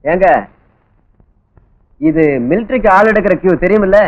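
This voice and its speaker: A man's voice: high voice, normal speed, dull audio, faint music behind, natural voice. An actor playing a puzzled man in a job queue who questions a stranger. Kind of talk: comic film acting.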